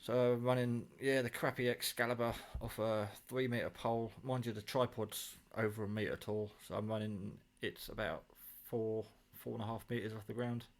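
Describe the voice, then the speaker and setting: Here the man's voice sits on the low side, steady in tone, at a normal speed with hardly any pauses. He casually demonstrates his hobby kit, muttering to himself as he handles it, and the handheld camera picks up clear background noise and clicking.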